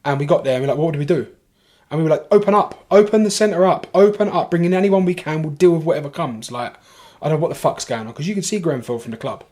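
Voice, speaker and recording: Animated, sweary London man telling a story. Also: a little high. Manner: animated, swears freely, lots of rushed restarts. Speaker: podcast guest. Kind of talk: casual storytelling.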